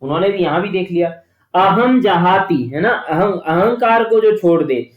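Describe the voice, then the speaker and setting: A male teacher leads an online exam-prep lecture, walking through each point step by step and often pausing to ask his listeners if they follow. His voice sits fairly high. The sound carries a noticeable room echo. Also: lively intonation, phone-quality sound. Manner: explains step by step, often asks "है ना?". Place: away from his usual studio.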